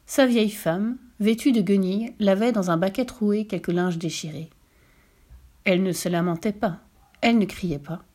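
A woman narrating a fairy tale aloud in a dramatic, animated storybook manner. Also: medium pitch, normal speed.

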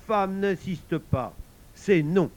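A man's voice: very high-pitched, extremely slow, vocal fry, highs cut off, slight background noise, voice pushed up, exaggerated voice. Man doing a frantic henpecked scholar. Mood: firm. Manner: pleading, frantic, wailing. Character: flustered old scholar, henpecked husband.

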